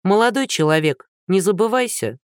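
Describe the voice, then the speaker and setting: A woman's voice: lowish voice, animated, normal speed, no echo, studio quality, close to an everyday voice. A narrator voicing a haughty, short-tempered actress in her thirties who talks down sharply. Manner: sharp, condescending.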